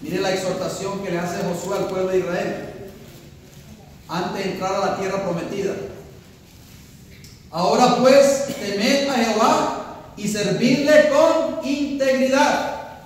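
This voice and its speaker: A pastor delivers a sermon in a high-pitched voice heard from far off, ringing through a large hall with long reverb. He speaks slowly and pauses often, building to emphatic peaks and asking the congregation questions.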